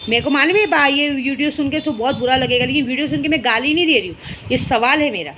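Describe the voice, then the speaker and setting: Heated young woman scolding a rival. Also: high-pitched. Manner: confrontational, rapid and heated, scolding. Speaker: vlogger addressing a rival. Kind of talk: emotional direct-to-camera monologue. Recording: faint background noise.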